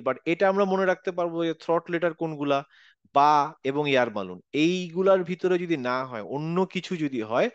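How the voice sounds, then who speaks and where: A man's voice: fairly high pitch, no echo, dull audio. Man teaching recitation on a video call. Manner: patient, explains step by step, models recitation slowly. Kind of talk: online class teaching.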